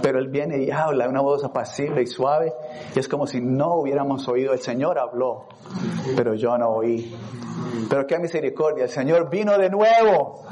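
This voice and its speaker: A man preaching a sermon in an expressive way, moving from quiet, reflective stretches to loud, dramatic moments, and slipping in English words. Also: a little high. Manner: drops in English words, asks congregation for a word.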